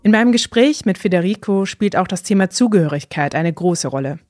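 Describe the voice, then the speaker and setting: A woman hosting a podcast, reading scripted narration in a calm, even way. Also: fairly low pitch, brisk, faint music behind. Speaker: podcast host.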